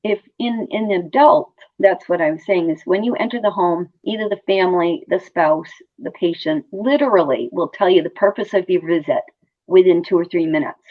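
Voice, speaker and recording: Low-voiced middle-aged woman on a phone-like line. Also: moderate pace. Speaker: hospice nurse interview guest. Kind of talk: conversational personal storytelling.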